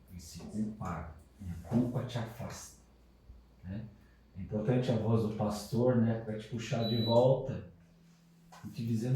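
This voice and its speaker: A Brazilian father talking about faith and guilt in a calm, reflective way. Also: mid-range voice. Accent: Brazilian Portuguese. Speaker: guest, father. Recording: echoey room, mic at a distance.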